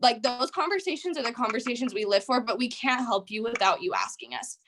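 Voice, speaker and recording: A woman's voice: fairly high pitch, fairly quick, fairly bright tone, a little hiss or hum. Chatty young woman rambling on a call. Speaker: team leader on a sales training call. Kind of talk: casual motivational talk. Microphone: video call.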